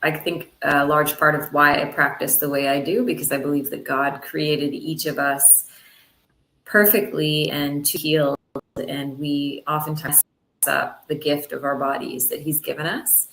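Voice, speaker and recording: A woman's voice: low-pitched, flat delivery, a little slow, fairly bright tone, reverberant. A middle-aged woman from Canada, a physician being interviewed, speaking in an earnest, upbeat way. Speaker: physician guest. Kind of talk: interview answers.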